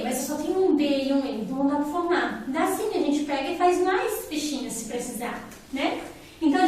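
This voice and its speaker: A Brazilian woman teacher with a high, bright voice explains a class activity patiently and keeps asking her young pupils if they follow. The sound is heavily echoey, as if the microphone sat far across a bare room. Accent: Brazilian Portuguese. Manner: patient, explanatory, often checks in with "né?" and "tá bom?". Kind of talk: remote lesson for children and parents.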